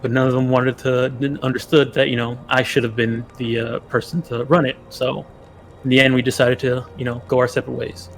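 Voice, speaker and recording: A man's voice: medium pitch, level tone, a little fast, slight background noise, natural voice. A man playing a proud, suspicious eldest dwarf brother who runs a tavern in a tabletop fantasy game, speaking hesitantly and insistently. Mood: proud, defensive.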